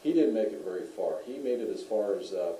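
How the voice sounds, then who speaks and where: A man's voice: fairly low pitch, expressive, brisk, mellow, a little hiss or hum. A middle-aged man, a police officer, telling stories to local residents in a chatty way with many fillers and restarts. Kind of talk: anecdotal community talk. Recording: echoey room, voice heard from a distance.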